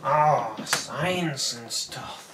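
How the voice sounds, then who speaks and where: A man's voice: mid-range voice, extremely slow. A man with a Scottish accent chatting offhand and swearing casually while unboxing something at home. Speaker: vlogger unboxing a keyboard. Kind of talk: casual joking chat. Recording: noisy home video recording.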